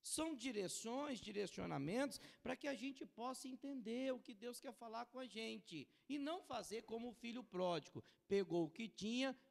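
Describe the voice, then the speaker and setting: A man preaching a sermon as pastor, swinging from soft warnings to loud exclamations. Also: very high-pitched, lively intonation, moderate pace, creaky, hardly any pauses. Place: church hall with long reverb. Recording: church sermon with long hall reverb.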